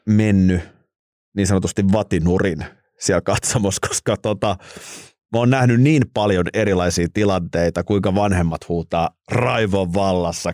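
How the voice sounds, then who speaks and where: A male interviewer with a fairly low voice who asks relaxed, curious questions with easy fillers. He sounds dry and close to the mic. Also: no room sound. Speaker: interviewer, host. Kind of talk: casual interview.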